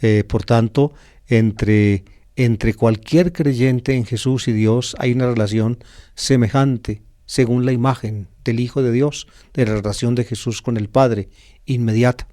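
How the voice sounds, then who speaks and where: Priest with a dark, mellow voice. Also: male voice, medium pitch, steady tone. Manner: teacherly, explains slowly with many fillers and restarts. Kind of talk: gospel reflection sermon.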